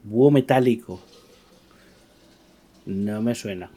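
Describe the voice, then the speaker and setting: A man's voice: lowish voice, slow, dark tone. A man with an accent from Spain, talking casually as a podcast co-host. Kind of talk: casual chat.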